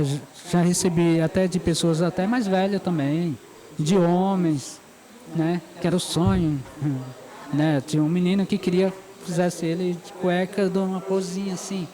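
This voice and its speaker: Here the man is a São Paulo caricaturist in his forties being interviewed casually as a guest at an outdoor street fair, amid a noisy crowd. At a moderate pace, his high-sitting voice has a dark tone and fairly even intonation while he chats and laughs over his anecdotes. Recording quality is low.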